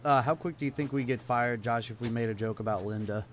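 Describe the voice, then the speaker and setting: A man co-hosting a casual podcast, joking and telling animated stories. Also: medium pitch, fast, slight background noise. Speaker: podcast co-host. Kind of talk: casual chat.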